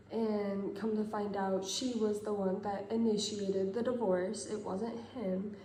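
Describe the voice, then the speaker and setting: A woman in her twenties giving a measured, earnest statement straight to camera. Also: medium pitch, dark tone, reverberant, slight background noise, poor audio. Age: 20s.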